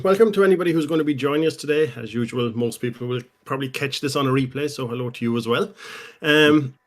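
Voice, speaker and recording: Male host, relaxed hesitant manner, casual chat over a call mic. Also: medium pitch.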